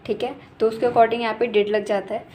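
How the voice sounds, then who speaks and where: A woman English teacher explaining grammar in a casual, patient way, often checking in and correcting herself as she goes. She slows right down to read out the English example sentences. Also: a little high, flat delivery, darkish tone, a little hiss or hum. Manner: slow, deliberate reading of English example sentences; frequent "ठीक है" check-ins and self-corrections.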